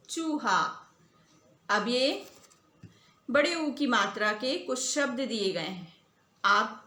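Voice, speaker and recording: A woman teacher giving a primary school lesson, saying each word slowly and clearly and repeating it for children to echo. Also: fairly high pitch, fairly bright tone. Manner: slow, deliberate, repeats words for children to echo. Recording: echoey room.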